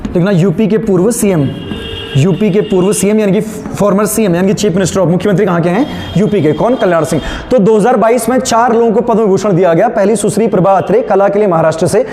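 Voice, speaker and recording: High-pitched man dictating a lesson. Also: dark tone. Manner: dictating, repeating phrases and slowing down for note-takers; asks check questions and answers them himself. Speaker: current affairs teacher. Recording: echoey room, faint background noise.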